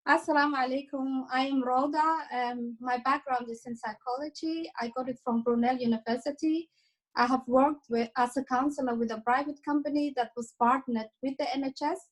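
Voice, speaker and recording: A woman's voice: sits high, steady tone, brisk, rough recording. A woman counselor introducing herself plainly and steadily on an online panel.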